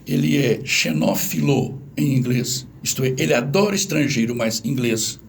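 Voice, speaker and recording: A man's voice: mid-range voice, normal speed, vocal fry, slight background noise. A man with a Brazilian accent, a language professor explaining things patiently in an interview. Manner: didactic, animated, spells out examples.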